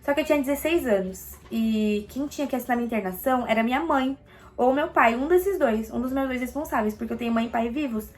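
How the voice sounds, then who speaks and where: A young Brazilian woman casually telling a personal story, animated and acting out quoted lines. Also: a little high, quick pace.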